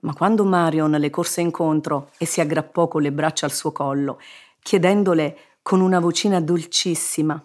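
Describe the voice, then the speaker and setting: A woman narrating a children's story in an expressive, measured reading. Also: low-pitched. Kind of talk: scripted narration.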